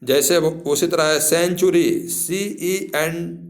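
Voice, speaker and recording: Slow patient male English teacher. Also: on the high side. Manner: patient, repeats and spells words letter by letter. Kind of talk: slow spoken lesson, spelling out letters.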